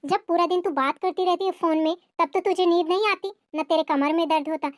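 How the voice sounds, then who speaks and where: A woman's voice: extremely high pitch, steady tone, a little fast, no echo, studio quality. A woman voicing a harsh, scolding middle-aged mother-in-law in a cartoon family drama. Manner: scolding, accusing.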